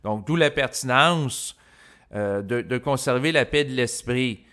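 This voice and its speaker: A man from Quebec, Canada, speaks with a Québécois French accent in an unscripted, reflective monologue as host of spiritual self-help recordings. His medium-pitched voice is bright and forceful, yet his delivery is halting and roundabout, full of hesitations and long lead-ins.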